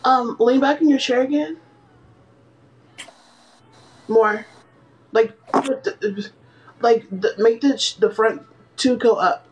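Young woman, deadpan, rambling, trolling questions, slightly high voice, faint background noise. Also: slow, poor audio. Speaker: livestream host. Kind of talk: prank video chat.

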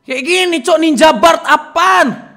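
Bright-voiced excitable young male streamer. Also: extremely high pitch, measured pace. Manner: loud, teasing and excitable, with frequent laughter and repeated "ya kan". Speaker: game streamer. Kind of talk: casual live-stream chat.

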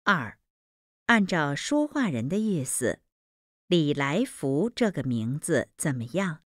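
Deep, slow woman reading instructions. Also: very animated, no room sound, clean studio sound. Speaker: exercise narrator.

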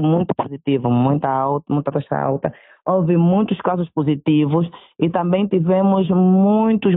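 A woman's voice: sits low, dry recording. Woman doctor on a tinny line. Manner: repetitive, stacking lists. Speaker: doctor and organizer of the health project. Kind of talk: event summary in a report. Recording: tinny phone-like sound.

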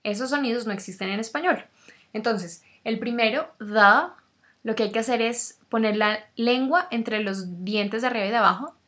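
A woman and native Spanish speaker teaching English pronunciation, speaking slowly and demonstrating each sound over and over. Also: a little high, a bit bright. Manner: slow, demonstrative, repeats sounds. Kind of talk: pronunciation lesson.

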